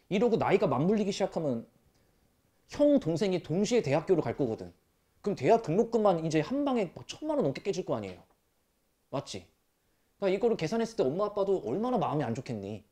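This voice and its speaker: A man teaching math to high school students, scolding them bluntly with rough language and rhetorical questions. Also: very animated, fast talker, long pauses, mellow. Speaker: math tutor. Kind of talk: classroom lecture.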